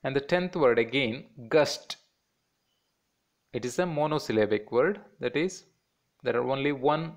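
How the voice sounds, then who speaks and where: A man teaching a children's lesson, slowly sounding out words one by one to show their syllables. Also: medium pitch. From India. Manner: very slow, stretching out each word to model syllables.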